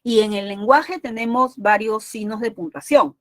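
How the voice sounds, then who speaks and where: Woman teacher going over exam prep stuff, keeps checking in w quick questions, dry close sound. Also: fairly high pitch, fairly bright tone, no echo. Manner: explanatory, frequent tag questions. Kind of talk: pre-university exam prep lesson.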